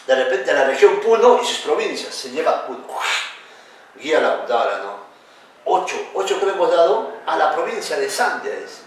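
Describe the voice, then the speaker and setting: A man lectures a class in an animated, questioning way, his voice a little high for a man. He sounds set back from the mic in a very echoey classroom. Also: normal speed, slight background noise. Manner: animated, questioning, addresses students as "hijo". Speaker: teacher. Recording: echoey room, speaker far from the mic.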